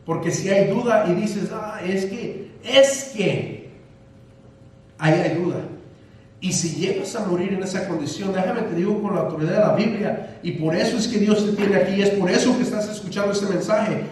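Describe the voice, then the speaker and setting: A man's voice: sits high, a little fast, few pauses, a little mellow, a little hiss or hum. A man preaching a sermon as pastor, using emphatic repetition and calling the congregation brothers. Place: church sanctuary. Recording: echoey church hall, mic at a distance.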